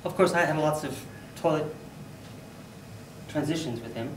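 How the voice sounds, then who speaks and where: A man giving a humorous storytelling speech at a contest, animated, with loud bursts for sound effects. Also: fairly high pitch, moderate pace, slight background noise. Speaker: contest speaker. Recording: echoey hall, mic from far off.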